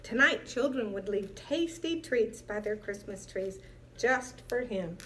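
A woman reading a children's picture book aloud in a lively, expressive way with playful emphasis. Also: mid-range voice, measured pace, slight background noise. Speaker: storyteller.

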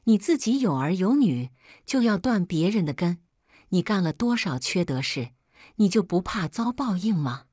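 A woman voicing an angry rural father who shouts threats, read in a story. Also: fairly low pitch, big pitch swings, normal speed, no echo, studio quality. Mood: defiant.

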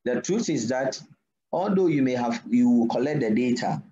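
A man lecturing a class at a deliberate pace, often pausing to ask "what?" so students can fill in the word. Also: medium pitch, animated, dark tone. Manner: asks students to finish his sentences with "what?"; slow deliberate delivery. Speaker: university lecturer. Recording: dull lo-fi recording.

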